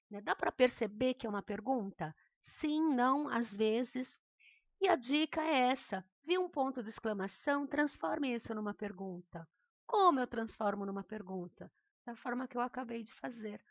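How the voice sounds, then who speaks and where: A woman teacher with a Brazilian Portuguese accent gives a recorded remote lesson, patient and encouraging, checking in often with her students. Her voice is on the high side, and the audio is dull and dry with no room sound.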